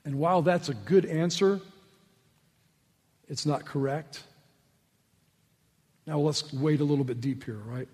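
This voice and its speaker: Emphatic high-voiced preacher in a reverberant hall. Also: male voice, unhurried, long pauses, breathy edge. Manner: emphatic, swings between loud rhetorical questions and low asides. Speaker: pastor. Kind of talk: sermon.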